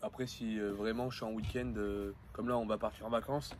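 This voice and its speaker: A man, chatting quietly and briefly with his cousin over a meal. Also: on the low side, flat delivery, a little fast, a little hiss or hum. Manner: soft-spoken and brief. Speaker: guest, cousin of the host. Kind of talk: casual chat while eating.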